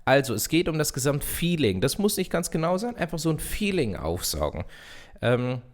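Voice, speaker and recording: A man's voice: a little high, normal speed. A man giving a casual online piano lesson, talking straight to the viewer and singing rhythms as syllables while he plays. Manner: relaxed, talks directly to viewer, sings rhythms as syllables. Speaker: piano teacher. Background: piano playing.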